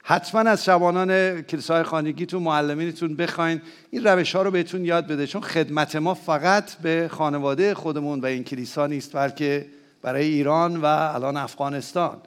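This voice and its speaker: A man with a Persian accent, preaching a sermon to his church. He keeps asking the congregation questions and calls on them to answer aloud. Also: on the high side. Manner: rises to emphatic, excited peaks. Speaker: pastor.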